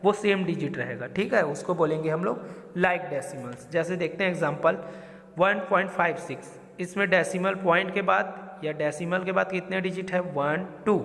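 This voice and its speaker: A man's voice: sits high, creaky, a bit bright, big-room sound. A man teaching a school math lesson, explaining step by step and keeping the class on track with questions and a repeated "theek hai".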